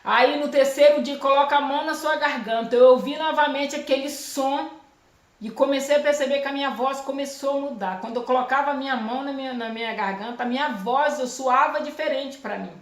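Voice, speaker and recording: A woman's voice: high-pitched, brisk, roomy sound. A woman from Brazil giving an earnest, emotional religious testimony at home, repeating her phrases, filmed on a phone camera. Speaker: testifying believer.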